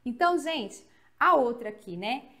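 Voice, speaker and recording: In a lively, chatty English grammar lesson, a Goiás-born woman with a Brazilian accent moves between Portuguese and English, dropping tag questions again and again. She speaks at a moderate pace, her voice on the high side.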